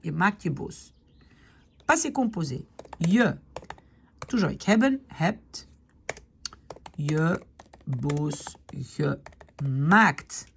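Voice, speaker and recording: Slow, lively, gravelly-voiced woman teaching. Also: low voice, a little hiss or hum. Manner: explains step by step, often checks with "d'accord?" and "ok?"; slows down to spell out Dutch words. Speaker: Dutch teacher. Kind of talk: online grammar lesson.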